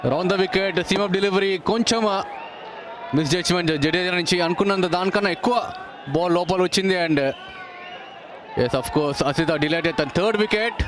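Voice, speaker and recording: A man's voice: sits high, moderate pace, crowd noise. A man with an Indian accent, a co-commentator giving Telugu cricket analysis mixed with English. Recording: live broadcast with clear stadium noise.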